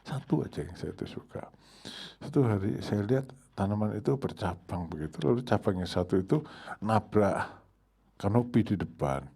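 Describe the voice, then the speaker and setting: Man, pastor, middle-aged, husky low voice, animated delivery, mellow tone. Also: moderate pace. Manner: storytelling, acts out his own anger with sharp rises in pitch and volume. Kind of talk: sermon.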